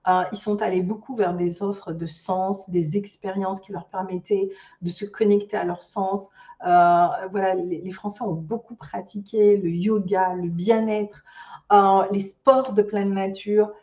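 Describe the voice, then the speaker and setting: Woman teaching an online class, mellow voice, lots of um and restarts, mic far off and kinda muffled. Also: mid-range voice, fairly even intonation, measured pace. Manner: loose spoken delivery with many fillers and restarts. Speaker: ecotourism business trainer. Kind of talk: online master class talk.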